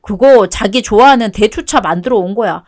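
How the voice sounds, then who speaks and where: A woman's voice: mid-range voice, fairly quick, close to an everyday voice. A woman voicing a clingy young husband who begs and whines in a web-toon radio drama reading. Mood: pleading. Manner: whiny, begging.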